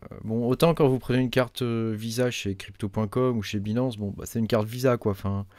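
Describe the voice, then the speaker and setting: A man's voice: mid-range voice, fairly even intonation, fairly quick, darkish tone, dry recording. A man reviewing crypto payment cards in a casual, hesitant way, full of fillers and restarts. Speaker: crypto video host. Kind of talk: casual screen-share review.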